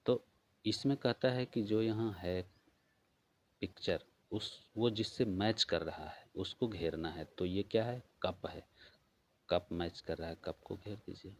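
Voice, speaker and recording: Male tutor, Bihari Hindi accent, low voice, unhurried letter-by-letter spelling. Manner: spells words out letter by letter, slow and patient. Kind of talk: workbook walkthrough lesson.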